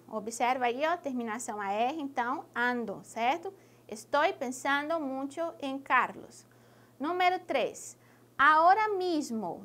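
A woman with a Brazilian Portuguese accent, a native Portuguese speaker, teaching a Spanish lesson slowly and checking understanding with a rising question. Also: high voice, fairly bright tone. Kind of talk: classroom lesson.

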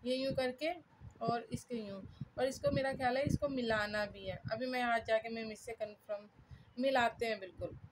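Chatty high-voiced woman explaining while writing. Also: fairly even intonation, normal speed, background noise. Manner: chatty and informal, thinks aloud, often checks in with "ठीक है". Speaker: student sharing her study notes. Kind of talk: casual self-made lesson, explaining while writing characters. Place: cluttered room at home.

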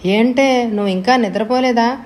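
A woman's voice: a little high, moderate pace, a little hiss or hum, voice pushed up, lightly acted. A woman reading a storybook, voicing an outspoken young woman who teases her friend with mocking remarks. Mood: teasing. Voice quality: mocking, sharp-tongued. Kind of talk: audiobook character voice.

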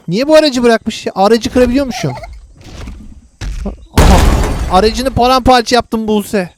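Excitable man narrating his game. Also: extremely high pitch, slight background noise. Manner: excitable, chatty, addresses viewers as friends; slangy and teasing with a friend. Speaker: gaming channel host. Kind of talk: lets-play commentary.

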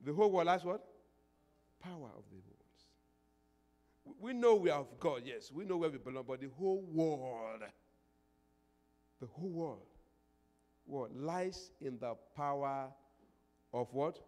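Speaking unhurriedly with frequent pauses, an older man delivers a sermon in a darkish, fairly high and animated voice. He holds a handheld mic on the stage of a church, repeating lines and asking the congregation questions to answer back, his emphasis swelling into prayer declarations. Sound bounces around the reverberant hall.

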